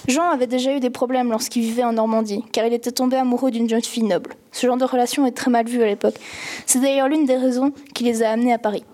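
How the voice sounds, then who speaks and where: A woman calmly reading a novel passage aloud and explaining it. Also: on the high side. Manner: calm, measured reading. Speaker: reader.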